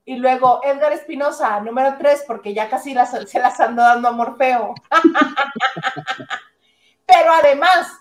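A woman's voice: high voice, a little slow, pauses often. A Mexican woman co-hosting a casual gossip show, chatting and reading out viewer messages. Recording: roomy echo on the voice.

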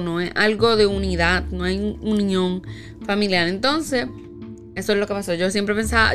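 A woman telling a personal story in casual chat, acting out the lines of the people she quotes. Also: mid-range voice. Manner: animated, acts out quoted dialogue.

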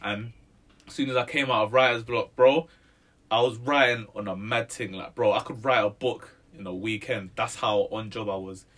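A man's voice: lowish voice, steady tone, moderate pace, fairly bright tone. A man in his twenties with a London roadman accent, chatting casually as a musician being interviewed, in street slang. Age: 20s. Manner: street slang, tags sentences with "innit" and "bro".

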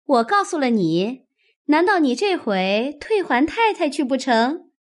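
A woman voicing a proud, sharp-tongued young maid with a tart, biting manner. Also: high voice, very animated, measured pace.

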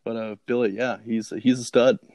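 A man's voice: medium pitch, little pitch movement, normal speed, vocal fry, darkish tone, no echo. Rambling male storyteller, filler-heavy, dry studio sound. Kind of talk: casual chat, storytelling.

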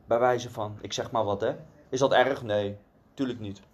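A man's voice: on the low side, steady tone, normal speed. A man giving a conversational devotional sermon, telling a story earnestly with casual asides.

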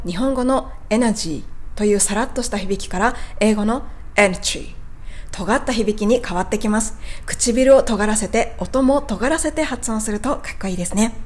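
A woman with a fairly high voice leads a pronunciation lesson. She models each sound slowly and carefully, then cheerfully prompts the listener to repeat after her. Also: darkish tone. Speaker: English pronunciation teacher.

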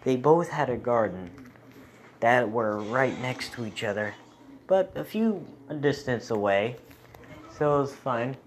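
A man telling an improvised horror story at a slow, unhurried pace. He stops and restarts his sentences often, and he drops into hushed whispers for the creepy parts. His voice sits at an ordinary middle pitch. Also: lively intonation, a little hiss or hum.

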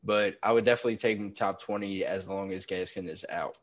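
A man's voice: deep voice, fairly even intonation, fairly quick. A young man co-hosting a casual sports podcast, giving his picks in a laid-back way. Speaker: podcast co-host.

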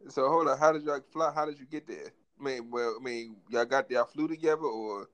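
A man's voice: medium pitch, fairly quick, a bit bright, muffled recording. A man hosting a casual chat, asking short questions and laughing often. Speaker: host.

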